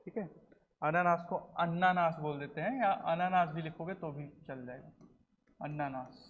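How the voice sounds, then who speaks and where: A man's voice: on the high side, normal speed. A man, teaching a classroom lecture, quizzing students and repeating their answers. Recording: roomy classroom recording, dull and slightly noisy.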